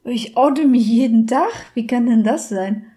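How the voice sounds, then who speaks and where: A woman's voice: on the high side, unhurried, warm tone. A woman co-hosting a podcast, curiously questioning her partner in casual chat. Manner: curious, prompting questions with frequent "oh". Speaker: podcast co-host.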